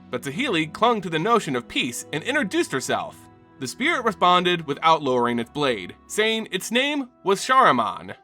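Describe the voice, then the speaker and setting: The host of a fantasy game lore channel tells his story dramatically from a script, his fairly high voice lively and full of pitch movement. Soft music plays underneath as he narrates like an expressive storyteller.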